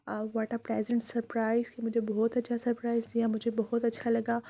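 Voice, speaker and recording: A woman's voice: on the high side, mellow. A woman, casually retelling a vlog and quoting what each person says. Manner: chatty retelling with quoted dialogue. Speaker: fan channel narrator recapping a vlog. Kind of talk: casual recap narration of a vlog.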